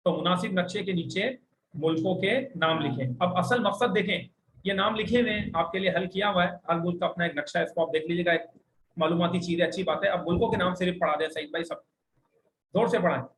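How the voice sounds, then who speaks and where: A man with a Pakistani Urdu accent teaching an Arabic class, spelling words out slowly and having students repeat and correcting them. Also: sits high, fairly bright tone. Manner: drills pronunciation slowly word by word, corrects students. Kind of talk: classroom language lesson, streamed online. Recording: echoey classroom with faint background noise.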